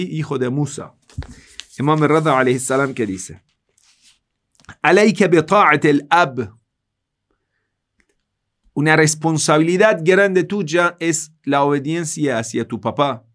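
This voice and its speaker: A man from Iran with a Persian accent, a native Persian speaker, teaching a religious class in Spanish and earnestly addressing his listeners. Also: a little high. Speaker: Islamic teacher.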